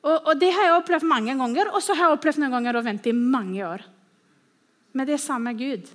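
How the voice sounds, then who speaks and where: A woman giving a sermon who tells stories earnestly and pauses with hesitant fillers. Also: high-pitched, fairly bright tone. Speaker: speaker.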